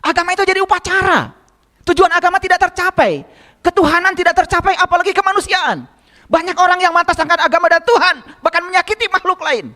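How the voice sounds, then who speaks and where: Male religious teacher, sermon, strikingly high voice, chatty delivery full of rhetorical questions to the congregation. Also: quick pace, sharp tone. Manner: conversational, repeats phrases for emphasis.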